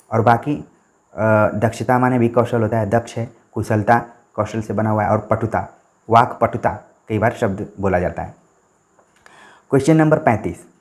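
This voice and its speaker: A man's voice: mid-range voice, a little mellow. A man teaching an exam practice lesson. He goes through each answer and explains it, often checking in with "theek hai". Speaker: Hindi teacher.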